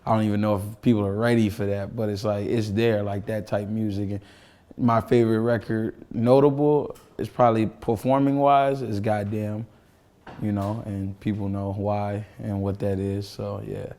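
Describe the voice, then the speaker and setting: A man's voice: lowish voice, steady tone, moderate pace, warm tone. A man of twenty-five, a rapper, talking casually in a group interview and often saying "you know what I'm saying.". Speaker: rapper, crew member.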